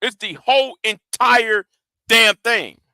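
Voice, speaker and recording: A YouTube commentator with a high, smooth voice and a hard, sharp edge rants slowly in a commentary vlog, speaking straight at his critics. Confrontational and profane, he swears freely, stumbles over repeated words and restarts them while challenging his audience directly. The sound is dry and close.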